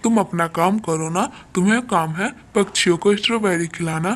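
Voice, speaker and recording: A woman's voice: fairly low pitch, moderate pace, close to an everyday voice. A woman voicing a rude, greedy male crow in a cartoon story, talking back with insolence. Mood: insolent. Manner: insolent, then pleading loudly when beaten. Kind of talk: cartoon voice acting.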